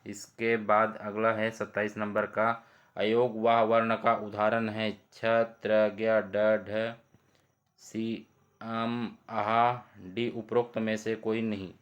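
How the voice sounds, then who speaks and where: A man's voice: fairly low pitch, flat delivery, takes it slowly, a bit bright. A man teaching as he reads quiz questions and options aloud and explains each answer step by step. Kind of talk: exam quiz lesson.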